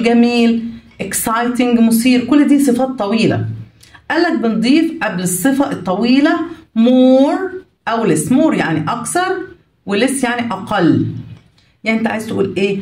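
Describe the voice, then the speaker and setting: A woman's voice: a little high, darkish tone. A woman teacher with an Egyptian accent explaining a grammar lesson patiently, asking questions and answering them herself. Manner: patient, asks and answers her own questions. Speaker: English teacher. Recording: roomy echo, mic at a distance.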